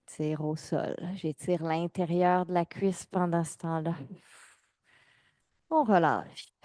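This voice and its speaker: A woman fitness instructor, giving calm, measured exercise cues and counting reps. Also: fairly low pitch, no echo. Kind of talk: guided exercise class cues.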